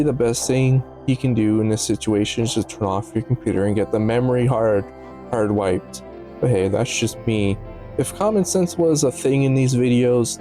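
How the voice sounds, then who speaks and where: A man with a warm, fairly low voice offers casual, analytical commentary on a video, musing aloud, stumbling slightly, and tossing in offhand asides. Background music plays.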